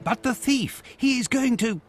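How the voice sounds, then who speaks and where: An actor playing a proper, flustered gentleman doctor in a video game, kindly and easily indignant. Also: extremely high pitch, moderate pace, music in the background. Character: indignant, kindly English gentleman doctor, adult male sidekick. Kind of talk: video game cutscene acting.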